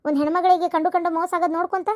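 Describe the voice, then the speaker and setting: A woman's voice: very high-pitched, flat delivery, very fast. A woman voicing an indignant, protective elder sister in a cartoon, scolding with a North Karnataka Kannada accent. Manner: scolding, forceful.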